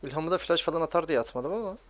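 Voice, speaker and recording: A young man giving excitable, grumbling commentary while playing a mobile game, swearing at teammates. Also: on the high side, rapid-fire. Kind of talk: live gameplay commentary.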